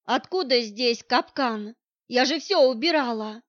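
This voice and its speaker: A stern woman of the forest, as a female reader plays her snaps short orders in a fairly high voice. The audiobook recording is dry and slightly dull. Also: lively intonation, measured pace, no room sound. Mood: curt. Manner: curt, commanding. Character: stern forest-dwelling woman who commands a bear.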